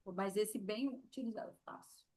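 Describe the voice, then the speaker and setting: A woman with a Brazilian Portuguese accent teaching sign language in a live lesson, slow and patient, demonstrating as she repeats each word. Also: medium pitch, darkish tone, slightly rough.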